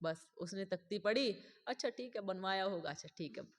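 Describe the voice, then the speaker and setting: A woman's voice: mid-range voice, expressive, moderate pace. A woman giving a spiritual sermon, pressing her listeners with rhetorical questions and mimicking their boasts. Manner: acts out others' boastful voices. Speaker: spiritual speaker. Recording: long hall reverb.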